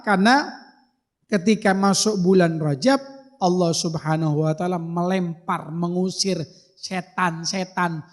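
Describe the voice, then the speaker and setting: A man giving a folksy mosque sermon, explaining Arabic terms and spelling them out. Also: high-pitched. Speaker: preacher. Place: mosque hall. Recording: long hall reverb in a mosque.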